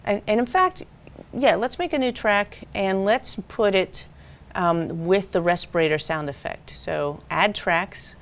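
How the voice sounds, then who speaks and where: A woman instructor calmly explaining audio editing steps in a screen-recorded software tutorial. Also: mid-range voice, measured pace. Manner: patient step-by-step explaining.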